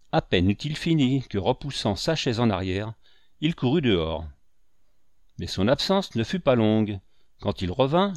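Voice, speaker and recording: A man's voice: lowish voice, no echo, studio quality. Man narrating a classic novel. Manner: measured, even storytelling. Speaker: audiobook narrator. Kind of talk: literary audiobook narration.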